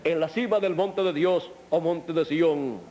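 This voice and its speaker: Slow, high-voiced man preaching. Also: dark tone. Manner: deliberate, drawn-out phrasing with long pauses. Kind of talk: slow, measured sermon. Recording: old sermon recording.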